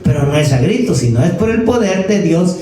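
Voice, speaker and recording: A male pastor preaching a sermon in a church, stretching key words slowly and asking the congregation rhetorical questions. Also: fairly high pitch, animated, dark tone. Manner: preaching with slow emphatic stresses and rhetorical questions. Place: church sanctuary. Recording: echoey room, mic at a distance, faint ambience.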